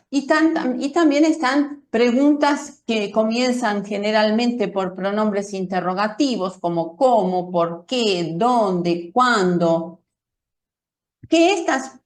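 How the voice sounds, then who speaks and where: A woman teaching a pronunciation lesson, explaining slowly and carefully with spoken demonstrations. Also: fairly high pitch, reverberant. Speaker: Spanish teacher.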